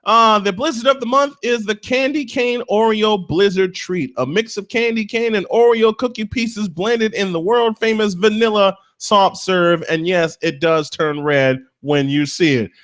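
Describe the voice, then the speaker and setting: A man hosting a live morning sports talk show, reading sponsor spots and chatting excitably while fumbling with his setup. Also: sits high, normal speed, few pauses.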